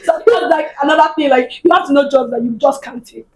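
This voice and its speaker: High-voiced Nigerian woman, chatty. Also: fairly quick, reverberant. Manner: lively, chatty, laughs often. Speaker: guest business owner. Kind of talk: casual interview chat.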